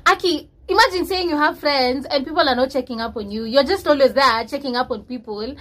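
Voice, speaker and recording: A woman's voice: sits high, brisk, a bit bright. A woman with a Kenyan accent chatting casually as a podcast co-host, slipping between English and Swahili slang.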